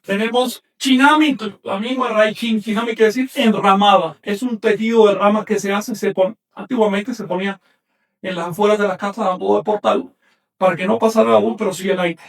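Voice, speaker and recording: A man teaching an online class, slowly sounding out words syllable by syllable and correcting common mistakes firmly. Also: high-pitched, steady tone, creaky, recorded from a distance. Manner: slow, emphatic spelling out of syllables; corrective, insistent.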